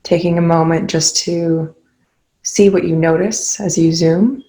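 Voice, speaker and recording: Speaking softly to her listeners, a woman guides a meditation in a low voice that barely rises or falls, its tone touched with creaky fry. Her short, gentle instructions come slowly and calmly, separated by long pauses, and the recording is of low quality.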